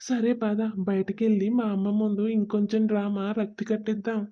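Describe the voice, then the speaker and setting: A woman's voice: medium pitch, little pitch movement, brisk, natural voice. A woman voicing Ramu, a cheating young husband. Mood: annoyed. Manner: defensive, dismissive. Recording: dull lo-fi audio.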